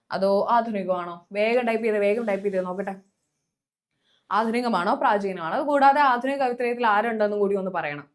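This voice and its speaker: Young female teacher with a Kerala accent, live online class, coaxing and questioning, mid-range voice. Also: medium pitch. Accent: Kerala Malayalam. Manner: coaxing, calls students "makkale" and "eda", asks many quick questions.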